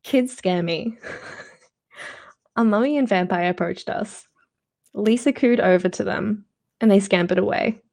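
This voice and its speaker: A woman's voice: medium pitch, a little slow, long pauses, darkish tone. A woman reading a novel aloud on a livestream, breaking off into giggly, chatty asides and apologies. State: slightly out of breath. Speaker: book reader on a livestream.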